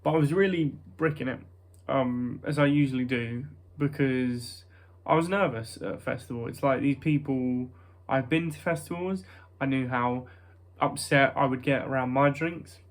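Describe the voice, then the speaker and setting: A young man with a British accent talks in a nasal voice at a middling pitch. He rambles in a casual vlog style, self-conscious and hesitant, often dropping a thought halfway and starting on another. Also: normal speed, hardly any pauses. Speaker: vlogger.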